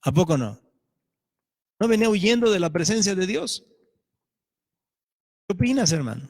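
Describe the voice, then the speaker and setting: A male pastor preaching a sermon, animated, acting out voices and questioning the congregation. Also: high voice, normal speed. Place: church sanctuary. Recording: church hall reverb.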